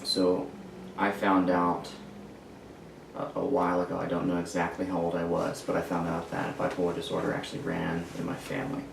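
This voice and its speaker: A man in his twenties telling his personal story as a podcast guest, halting and searching for words, recorded far from the mic in an echoey room. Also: low-pitched, completely flat delivery, creaky, noisy background. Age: 20s.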